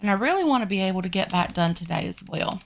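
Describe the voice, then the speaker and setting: A gaming channel host with a Southern US accent gives casual commentary on a survival game, chatting loosely with her viewers, saying um a lot and calling them guys. A sinus infection leaves her voice stuffy and congested. She speaks fast and animated in a mid-range voice with vocal fry.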